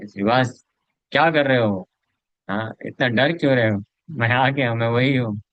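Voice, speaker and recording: A man voicing an ecstatic divine figure who loudly exclaims who he is, in a sermon retelling. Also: mid-range voice, unhurried, dry recording, lo-fi sound, lightly acted. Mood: commanding. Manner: loud exclaiming. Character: ecstatic divine man roaring his identity.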